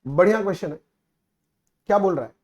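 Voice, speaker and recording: Male accounts teacher with a high-pitched voice. Casual lecture delivery, mixes Hindi and English, keeps checking in with the class. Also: lively intonation, fairly quick, darkish tone. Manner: mixes Hindi and English, asks students frequent check-in questions. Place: recorded teaching video.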